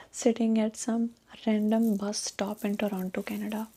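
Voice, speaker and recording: A woman's voice: medium pitch, level tone, slow pace. A woman whispering in an Indian accent as a chatty, boastful young Indian woman on a marriage date, in an ASMR roleplay. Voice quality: soft whisper. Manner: boastful, gossipy, rambling.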